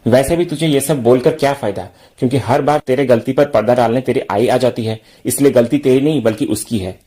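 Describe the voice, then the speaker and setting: A man's voice: medium pitch, fairly quick, mellow, close to an everyday voice. A man reading as a stern, reproachful father. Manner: reproachful, lecturing.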